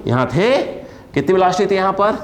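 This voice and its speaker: A man's voice: sits high, lively intonation, brisk. A man teaching physics to a class at a board, stretching key terms and constantly asking students to answer back.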